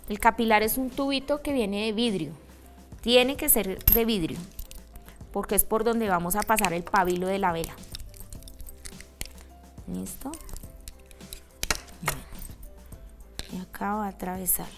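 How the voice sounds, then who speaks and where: A woman with a middle pitch demonstrates a handmade craft step by step. She keeps pausing to check that her audience is following along. Soft music plays faintly in the background. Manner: checks in with a frequent "¿listo?". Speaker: craft instructor.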